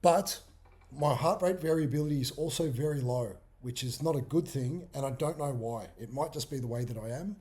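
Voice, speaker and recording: A man's voice: medium pitch, moderate pace, mellow, breathy edge. A man, a fitness coach explaining things informally in a casual chat.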